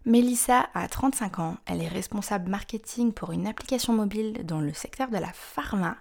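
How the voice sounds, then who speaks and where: Frank, gravelly woman podcast host. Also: mid-range voice, fairly quick, a little mellow. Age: 30s. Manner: frank, wry, confiding. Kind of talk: scripted podcast narration.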